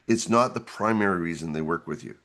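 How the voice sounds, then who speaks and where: A man with a hoarse, gravelly voice presenting an instructional webinar in an earnest, explanatory way. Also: low voice, fairly quick, a bit bright. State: hoarse, gravelly from losing his voice.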